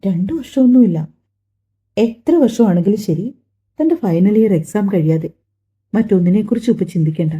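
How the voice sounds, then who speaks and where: A woman voicing a gentle, reassuring young husband. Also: mid-range voice, expressive, normal speed, long pauses, breathy edge. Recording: dull lo-fi recording.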